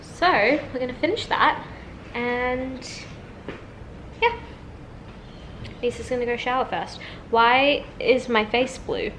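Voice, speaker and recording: A chatty woman in her 20s vlogs at home indoors, her voice a little high, her pace slow with long pauses. She's relaxed and peppers her talk with "like," and noticeable room ambience runs underneath.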